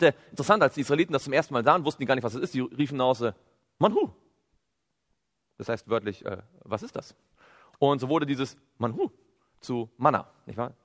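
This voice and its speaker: A man preaching a sermon, quoting scripture and firing off rhetorical questions that he answers himself. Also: fairly high pitch. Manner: animated, asks rhetorical questions and answers them; quotes scripture. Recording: long hall reverb.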